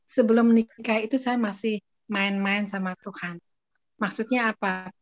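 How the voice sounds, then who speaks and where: Brief: woman guest, animated storyteller, dry and muffled video-call sound. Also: medium pitch, measured pace, no room sound. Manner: lively storytelling with frequent laughs. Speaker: testimony guest. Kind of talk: casual spoken testimony.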